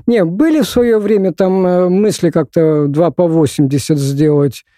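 A man's voice: high-pitched, normal speed, mellow, no room sound, studio quality. A man in his sixties, a guest in a podcast interview, telling long rambling stories with lots of filler words. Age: 60s. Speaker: podcast guest, hiking expert. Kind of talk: casual interview chat.

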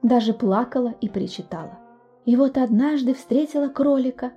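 Woman with a mellow storytelling voice. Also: on the high side, moderate pace, breathy edge, dull audio, faint music behind. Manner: gentle, expressive, addresses the listener. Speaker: storyteller, podcast host. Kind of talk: scripted bedtime story narration.

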